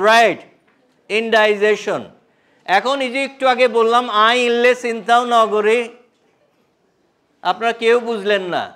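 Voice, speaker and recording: A man with a high voice leads a live training session. He is animated and fires questions at the room, slipping between Bengali and English as he teaches. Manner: animated, quizzes the audience, mixes English into Bengali. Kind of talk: live classroom workshop.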